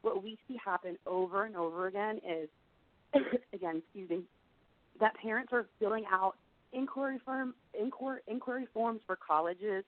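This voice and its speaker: Speaking at a normal pace in a mid-range voice, this middle-aged admissions director sounds slightly froggy from being unwell. Her webinar talk is explanatory and chatty, peppered with "you know." The audio is dry with no echo and has a narrow, phone-like band.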